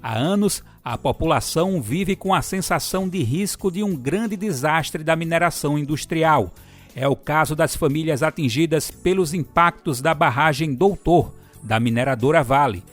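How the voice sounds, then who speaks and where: A man's voice: on the high side, normal speed, soft background music. A man hosting a radio program, presenting in a friendly, upbeat scripted style that speaks straight to the listener.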